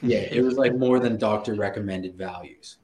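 A man's voice: fairly low pitch, moderate pace, echoey room, heavy background noise. A man telling a story in casual podcast talk, laughing often and swearing freely. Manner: laughing, profane, animated storyteller. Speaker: guest.

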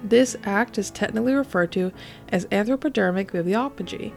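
A woman podcast host narrates scripted tales of the strange in a playful, theatrical way. Her voice sits at a middling pitch and carries the effect of being sick. Music plays behind her. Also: brisk, vocal fry. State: sick with an illness affecting the voice.

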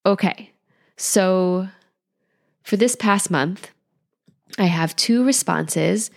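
Woman with a nasal, gravelly voice. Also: medium pitch, extremely slow. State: nasal voice, getting over an illness. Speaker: podcast host, holistic life coach. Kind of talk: calm podcast talk.

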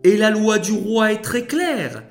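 A man doing a high-voiced frightened queen. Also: animated, takes it slowly, faint music behind. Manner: high pleading then commanding tone. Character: young queen, frightened then resolute.

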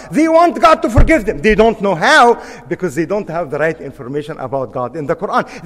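A man's voice: sits high, a bit bright, in a large hall. A middle-aged man from Egypt, preaching a sermon in an impassioned, emphatic way and repeating key phrases.

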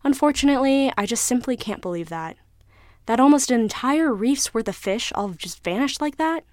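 A woman's voice: a little high, lively intonation, moderate pace, darkish tone, no echo, studio quality, pitched above the performer's own voice, lightly acted. A woman voicing a logical, proud male cod who talks in a raised, formal, emphatic way. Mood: assured.

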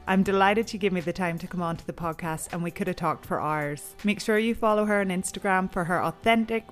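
A woman around thirty with an Irish accent, speaking as the host of an interview podcast. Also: on the low side. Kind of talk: scripted introduction, then casual interview.

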